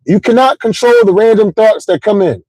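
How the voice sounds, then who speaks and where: The host of this casual livestream, a middle-aged man, talks a little fast in a high voice, rambling in a lively, motivational way. He leans on repetition and "you know what I'm saying," and the audio is poor with no room sound.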